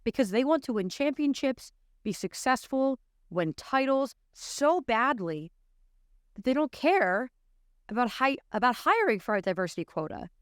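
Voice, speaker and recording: Very animated and high-pitched, an American show host in her twenties gives emphatic, incredulous commentary to camera at normal speed. She's in a small indoor studio, speaking close to a studio microphone on an arm, with no echo.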